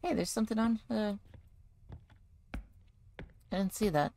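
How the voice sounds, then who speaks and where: A woman's voice: mid-range voice, slow, vocal fry, warm tone, a little hiss or hum. A woman providing casual, jokey commentary while playing a horror game, talking to herself and yelping when startled. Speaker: gaming video host.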